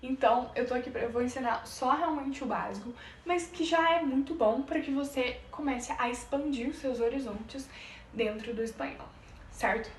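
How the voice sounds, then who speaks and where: A woman with a Brazilian Portuguese accent teaching a Spanish lesson, stretching out example words slowly. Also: high voice, distant mic, slight background noise. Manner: slow, drawn-out pronunciation of example words. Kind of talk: online language lesson. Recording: echoey room, voice off-mic.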